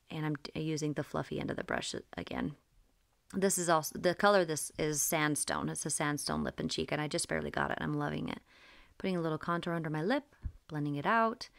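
A woman's voice: deep voice, creaky. A woman in her thirties casually talking through her makeup steps as she applies them, recorded on a phone inside a car. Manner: relaxed step-by-step explaining while applying makeup. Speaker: makeup vlogger. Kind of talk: casual makeup tutorial narration. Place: inside a parked car, daylight. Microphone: phone camera close up.

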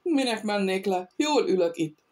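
A woman reading an audiobook, voicing a cocky male thief who calmly taunts soldiers from a treetop. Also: medium pitch, recorded from a distance, close to an everyday voice. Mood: mocking. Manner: taunting, calm, sly.

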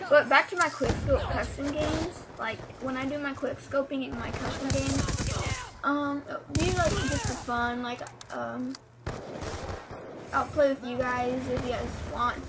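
This gaming video creator, a woman with a high voice, talks a little slowly in a very noisy recording. Her gameplay commentary is casual, rambling and hesitant, and the braces she's wearing slur her speech.

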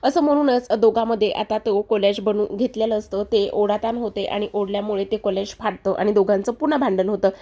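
A woman's voice: medium pitch, a little fast, few pauses, dark tone. A woman retelling a TV serial episode, addressing the viewers directly in running present-tense narration. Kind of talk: storytelling recap of a TV serial.

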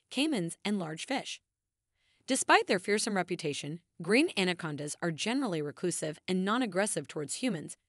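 A woman reading scripted nature documentary narration in a measured, formal, grandly emphatic way. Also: fairly low pitch, dry recording, clean studio sound.

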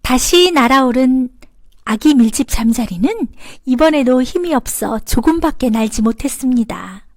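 A woman's voice: sits high, lively intonation, normal speed, a little mellow, dry recording, studio quality. A woman storyteller reading a scripted children's story as narrator. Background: background music.

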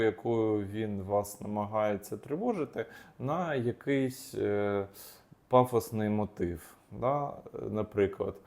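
A man's voice: medium pitch, warm tone. A man, a psychologist, explaining techniques off the cuff, with frequent hesitations and restarts. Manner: unscripted, many hesitations and restarts.

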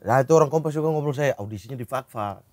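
A man from eastern Indonesia, co-hosting a casual chat and telling stories with lively mimicry. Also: medium pitch, fast. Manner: animated storyteller, mimics stammers.

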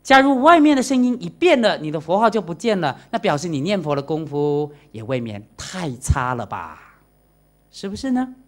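A woman with a low voice gives a Buddhist dharma lecture. Her pitch rises and falls freely as she talks. She checks in with her listeners and acts out quoted voices as she teaches. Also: normal speed. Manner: animated, acts out quoted voices and asks the audience questions; mixes in English words. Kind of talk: dharma lecture to a live audience.

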